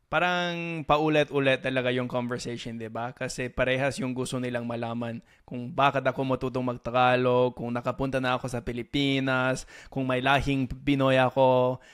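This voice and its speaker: A man hosts a relaxed chat, speaking smooth, fluent Tagalog at an easy pace. He sits at a middling pitch and laughs readily between his remarks. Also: normal speed, hardly any pauses. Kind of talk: casual chat.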